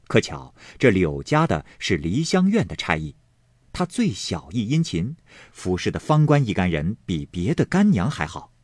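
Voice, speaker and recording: A man narrating a classic novel, reading with a dramatic, expressive delivery. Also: on the low side, dry recording, clean studio sound.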